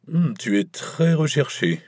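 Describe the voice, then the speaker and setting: A man plays a suave friend who teases with dry amusement, lifting his voice a little above the narration. The tone stays husky and close, with no room around it. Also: on the high side, sing-song, unhurried, a little mellow, no room sound, voice pushed up, exaggerated voice. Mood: teasing. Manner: dry, teasing.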